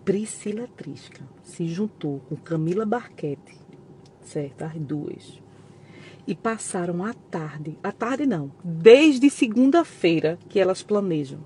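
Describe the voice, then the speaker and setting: This Northeastern Brazilian vlogger, speaking with that region's Portuguese accent, talks slowly and expressively in a warm, fairly low voice. Filming a home vlog on her phone, she chats emotionally with her followers and keeps addressing them, while a little hiss or hum runs underneath.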